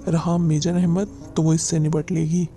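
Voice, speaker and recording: A man giving a dramatic audiobook narration of a novel, with a measured storytelling delivery that slows for tense moments. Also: on the high side, level tone. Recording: narration over loud background music.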